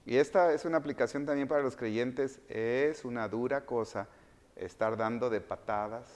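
A pastor preaches a sermon in a mid-range voice at a moderate pace, posing questions to the congregation and answering them himself. He swings between loud, emphatic phrases and quiet asides.

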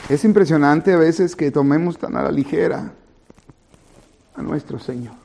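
A man with a high voice delivers a Spanish sermon as a pastor. He talks straight to his congregation, swings between loud fervent passages and low quiet ones, and acts out little scenes along the way. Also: moderate pace, creaky. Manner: animated preaching, acts out little scenes, addresses congregation directly.

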